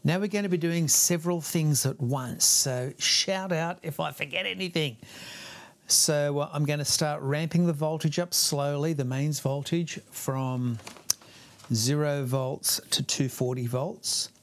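A man's voice: on the high side, steady tone, unhurried. A man working through a guitar amp repair as a hands-on tutorial, explaining each step in a chatty way with some self-deprecating humor.

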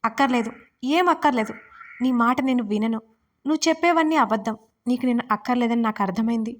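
Storybook wife, young woman, crying and shouting in hurt anger, played by the narrator. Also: a little high, brisk, natural voice. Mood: angry. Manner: shouting, tearful.

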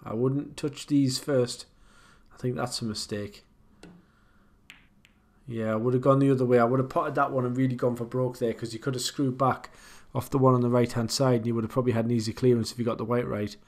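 This is a man with a mid-range voice giving casual commentary on an online pool match. He talks in a conversational way, often pausing to think aloud about the shot he would play himself. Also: medium pitch, flat delivery, darkish tone.

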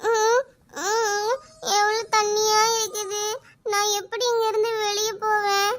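A woman's voice: very high-pitched, monotone, unhurried, a bit bright. A woman doing a crying, frightened little girl. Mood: scared.

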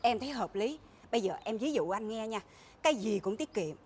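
A woman's voice: on the high side, expressive, fairly quick, a little mellow, slightly rough. A woman acting a wife in a comedy sketch, chatty and exclamatory. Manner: chatty, exclamatory, keeps saying "trời ơi".

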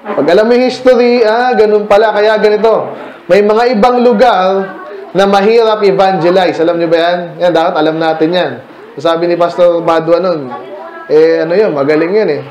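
High-voiced man teaching in an echoey room. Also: fairly even intonation, moderate pace, a little mellow, lo-fi sound. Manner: conversational, with constant rhetorical questions to the listeners; mixes English terms into casual teaching. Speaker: church seminar teacher. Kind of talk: church history lecture to a mixed room. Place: church meeting room.

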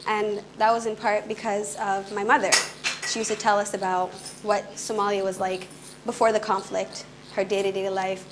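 A young woman who grew up in Canada gives an earnest, fluent public talk on stage in a small indoor room, speaking quickly with brief restarts. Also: medium pitch, level tone, background noise. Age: young adult. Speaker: conference speaker.

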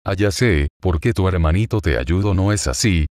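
A man's voice: low-pitched, moderate pace, a little mellow, no room sound, clean studio sound, lightly acted. A man voicing a vengeful, betrayed young male warrior who speaks with fury and contempt. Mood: contemptuous. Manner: furious, contemptuous and cursing.

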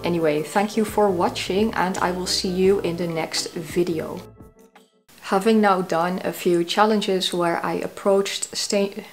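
A woman's voice: on the low side, steady tone, measured pace, soft background music. A woman in her thirties sharing tips to camera from a small cozy room, with a dry, self-mocking humor. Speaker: YouTube creator. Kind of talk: talking-head tips video.

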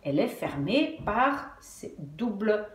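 This woman teaches Dutch spelling at a whiteboard, breaking words into syllables with patience. She speaks slowly at a medium pitch, her intonation swinging widely. The recording comes from an echoey room with slight background noise.

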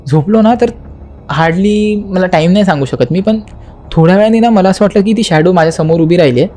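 A man's voice: sits high, a little fast, mellow, faint music behind. Young man telling a spooky story dramatically. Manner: dramatic retelling, acting out quotes and knocking sounds; mixes English words into his speech. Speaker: podcast guest.

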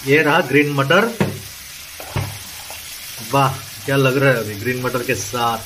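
Excited Assamese man vlogging his cooking. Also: medium pitch, measured pace, background noise. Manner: enthusiastic, exclaims over the smells and flavours. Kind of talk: casual cooking vlog. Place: home kitchen. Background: food sizzling and frying.

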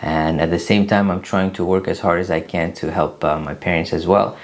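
Deep-voiced man chatting to camera. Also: steady tone. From Afghanistan. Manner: earnest, many "uh" pauses. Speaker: YouTube channel host. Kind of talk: casual Q&A to camera. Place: small room indoors. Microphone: camera at desk distance, seated.

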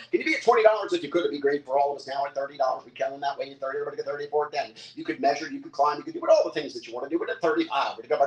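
An older man running a live-stream auction, describing each item in a chatty salesman patter and calling out bids. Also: a little high. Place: hotel room or lounge, indoors. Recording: echoey room.

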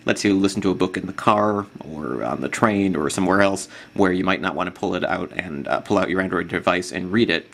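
A man giving a relaxed, casual product demo of an app, with plenty of fillers. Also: low voice, brisk, gravelly, few pauses. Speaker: tech blogger demonstrating an app.

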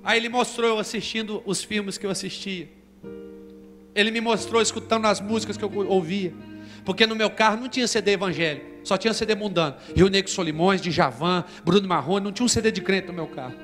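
Brazilian man, high bright voice, dramatic testimony to the congregation. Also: quick pace, soft background music. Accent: Brazilian Portuguese. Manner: vivid storytelling, acts out the scenes. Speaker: preacher giving a testimony.

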